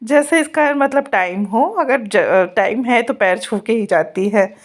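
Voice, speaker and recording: A woman's voice: on the high side, lively intonation, measured pace. A woman in her thirties, a mother chatting casually in a home vlog while she gets her children ready, laughing often. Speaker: vlogger mother.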